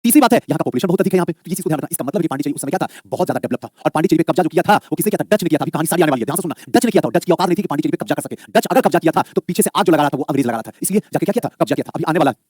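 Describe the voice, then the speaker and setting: A husky male voice with fairly high pitch delivers a history lesson for exam prep, live online. Fast and lively, he coaxes the class, calls them "babu," and answers the questions he keeps repeating. Clean studio sound, no room noise.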